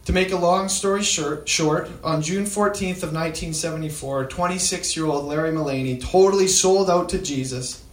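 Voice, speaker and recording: Male storyteller, slightly high voice, halting delivery with fillers, roomy echoey sound. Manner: halting, with frequent fillers and restarts. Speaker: speaker retelling a story. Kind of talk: storytelling talk.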